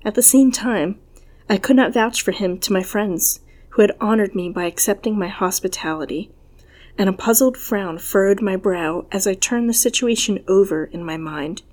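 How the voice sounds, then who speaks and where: A woman's voice: mid-range voice, moderate pace, darkish tone. Woman reading an old-fashioned story. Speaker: narrator.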